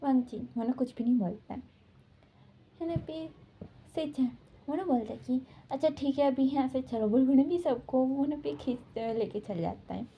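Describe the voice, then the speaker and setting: A woman's voice: sits high, normal speed, husky, dull audio. A woman casually retelling a fan story, chatty and full of fillers, reading out the characters' lines in plain quotes.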